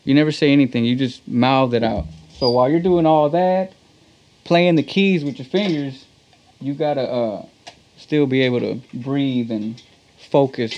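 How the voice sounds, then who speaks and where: This Texan musician, appearing as an interview guest, chats casually in an American accent and explains things with slangy enthusiasm. His medium-pitched, darkish voice moves at a moderate pace, though the audio is dull and carries slight background noise.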